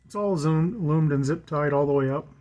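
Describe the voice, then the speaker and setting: This vlogger's voice sits on the high side, warm and at a moderate pace. He casually walks through his truck wiring project, plainspoken and hands-on, pointing things out informally along the way.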